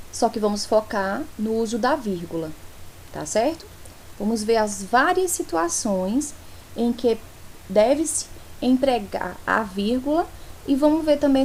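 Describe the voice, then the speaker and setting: A woman's voice: fairly high pitch, darkish tone, slight background noise, poor audio. A woman from teaching a grammar lesson in a friendly way, often checking that her students follow. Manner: friendly, frequent checks like "tá certo?".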